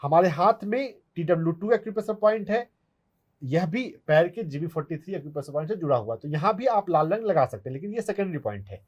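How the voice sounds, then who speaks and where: Instructive man, slightly high voice. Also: expressive, fast, muffled recording. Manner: instructive, step-by-step, demonstrates on his hand. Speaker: acupuncturist answering viewer questions. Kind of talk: explanatory health Q&A.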